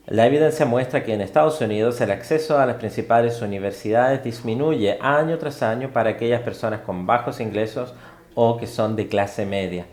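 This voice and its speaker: Halting man interpreting a lecture, roomy sound. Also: mid-range voice, darkish tone. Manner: halting, with frequent fillers and self-corrections.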